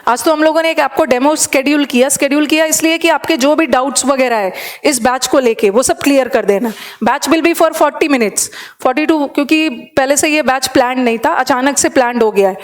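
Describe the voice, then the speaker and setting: A woman's voice: sits high, normal speed. A woman with an Indian accent, an English teacher chatting in a live online class, switching between Hindi and English and reading out student comments.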